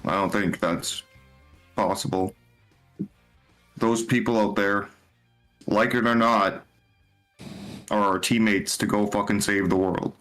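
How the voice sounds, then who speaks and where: A man's voice: lowish voice, fairly bright tone. A man role-playing his character in a tabletop game, laid-back and persuasive with lots of swearing.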